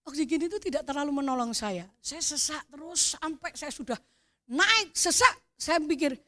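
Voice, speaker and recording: Woman, Javanese accent, middle-aged, preacher, sermon testimony, high-pitched, animated, near-shouting at peaks. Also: normal speed. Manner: animated storytelling, swelling to near-shouts, addresses the congregation as "saudara".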